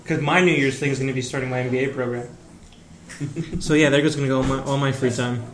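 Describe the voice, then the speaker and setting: A man's voice: medium pitch, fairly even intonation, fast talker, a little hiss or hum. A man hosting a casual podcast chat among friends, joking and laughing at himself. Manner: laughing, self-mocking. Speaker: podcast host. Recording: roomy echo.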